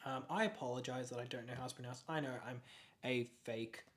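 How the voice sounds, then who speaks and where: A young adult with an Australian accent chatting casually on a livestream. They ramble excitably, laugh often and keep apologizing. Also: medium pitch, brisk. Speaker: card-collecting livestreamer.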